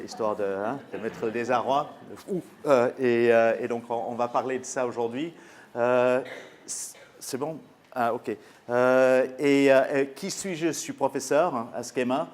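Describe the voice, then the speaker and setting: A man's voice: mid-range voice, fairly even intonation, moderate pace, a little mellow, a little hiss or hum. A man with an English accent, a native English speaker, giving a conference talk in French as a business school professor, hesitant with many fillers and restarts. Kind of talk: conference presentation.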